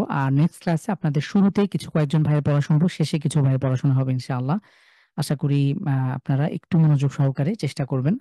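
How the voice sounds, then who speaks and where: A man's voice: fairly high pitch, no room sound. Bengali man teaching Arabic letter sounds. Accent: Bangladeshi Bengali. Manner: sounds out each letter slowly and loudly, then explains. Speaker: Quran recitation teacher. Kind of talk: online class lesson. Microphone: video call.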